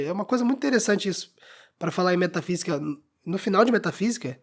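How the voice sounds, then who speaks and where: A man hosting a solo podcast, explaining ideas step by step and often checking that the listener is following. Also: high-pitched. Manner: explains patiently with frequent checks like "né?" and "tá?". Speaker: podcast host. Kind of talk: solo lecture-style podcast talk.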